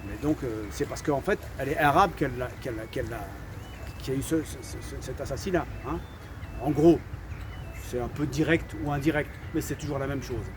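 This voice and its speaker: Over background noise, a man raised in France with Algerian roots shares his views as a channel host in a casual way. He speaks briskly in a mid-range voice, yet sounds hesitant, repeats words and says "voilà" a lot.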